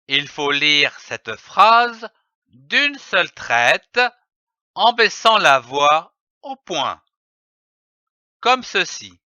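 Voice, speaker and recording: A man teaching children to read, slowly sounding out letters and syllables in a phonics lesson. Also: a little high, pushed and bright, no room sound, studio quality. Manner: slow, carefully spelled-out syllables. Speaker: reading teacher.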